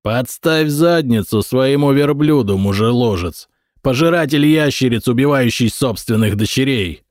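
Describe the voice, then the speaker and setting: A man reading an audiobook and voicing a gruff, mocking Slav fort captain of about forty. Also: low-pitched, lively intonation, slow, hardly any pauses, no room sound, studio quality. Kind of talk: audiobook character voice.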